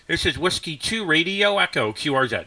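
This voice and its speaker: A man's voice: a little high, lively intonation, brisk, background noise. A man working as an amateur radio operator, trading call signs and signal reports.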